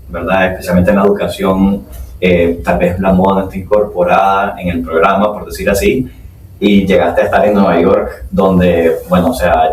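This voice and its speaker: Low-voiced male podcast host, echoey room. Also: slight background noise. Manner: rambling questions with many fillers. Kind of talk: hosting an interview. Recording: echoey room, distant mic.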